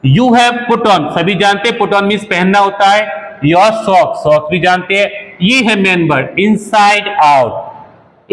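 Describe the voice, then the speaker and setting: Teacher role: high-pitched man, Indian English accent, slow dictation of English example sentences, recorded in a reverberant room. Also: a bit bright. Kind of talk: spoken English lesson in Hindi. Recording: echoey room with long reverb.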